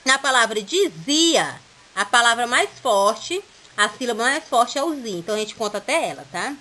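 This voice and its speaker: Brazilian lady teacher, high voice, goes thru homework answers slow and patient, keeps checking in. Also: big pitch swings, sharp tone. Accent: Brazilian Portuguese. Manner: reads exercises aloud, then explains slowly. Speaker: Portuguese teacher. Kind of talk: recorded remote lesson, reading and explaining exercises.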